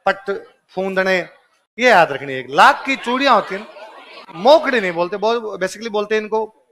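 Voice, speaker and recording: A male coaching teacher with a Rajasthani accent drills his class with rapid call-and-response lists, firing questions and repeating answers. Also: high voice, a bit bright. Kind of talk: exam coaching lecture.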